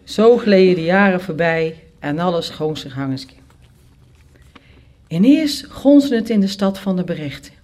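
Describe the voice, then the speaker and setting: A storyteller telling a first-person tale with lively expression and steady momentum. The voice sits at a middle pitch and moves easily through the narration. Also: a little slow. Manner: lively, expressive, acts out characters.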